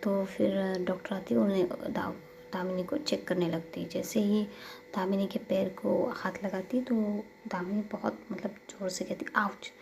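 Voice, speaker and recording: A woman's voice: mid-range voice, flat delivery, moderate pace, creaky, mellow, a little hiss or hum. A woman storyteller narrating a story in a casual, chatty way, with fillers and restarts. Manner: chatty, conversational retelling with fillers.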